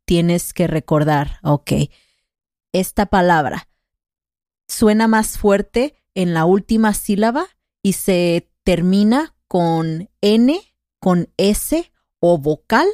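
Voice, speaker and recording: A woman's voice: fairly low pitch, dark tone, no room sound, studio quality. A woman co-hosting a conversational Spanish lesson podcast, patiently explaining grammar rules with examples.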